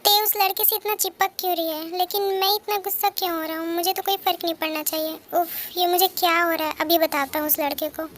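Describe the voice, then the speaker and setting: A woman's voice: very high-pitched, steady tone, quick pace, few pauses, fairly bright tone. A woman voicing a jealous hot-tempered teen boy. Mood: angry jealous. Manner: scolding, possessive. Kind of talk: fan-dubbed love story.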